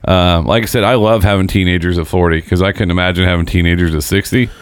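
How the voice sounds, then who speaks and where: A man in his forties hosting a casual podcast chat, blunt and profane, quick to make fun of himself. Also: sits low, steady tone, smooth. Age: 40s. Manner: blunt, profane, self-mocking.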